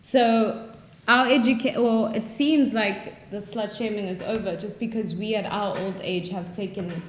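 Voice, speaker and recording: Speaking casually as a podcast guest, a twenty-something woman with a non-English first language is earnest and reflective, searching for words at times. Her mid-range voice keeps a steady tone and a slightly slow pace. The echoey room adds slight background noise.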